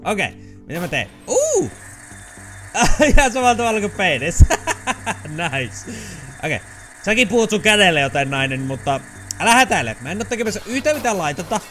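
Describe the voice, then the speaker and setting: A man giving casual, excitable commentary while playing a video game, swearing, yelping and slipping into English phrases. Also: high-pitched, soft background music. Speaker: let's play gamer.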